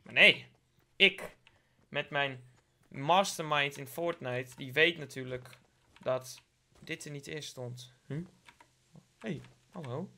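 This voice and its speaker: Speaking slowly and pausing often, this young man from the Netherlands has a fairly high, creaky, pushed and bright voice with a Dutch accent. As a gaming YouTuber, he jokes with his viewers during live gameplay commentary and drops English slang.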